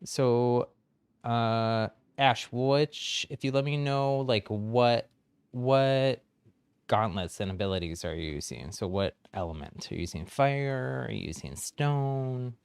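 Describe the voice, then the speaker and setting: A man streams a game and chats casually with his viewers, friendly and talkative, with frequent ums and laughs. His voice is medium-pitched and creaky, and he takes his time, with a clean tone and no echo.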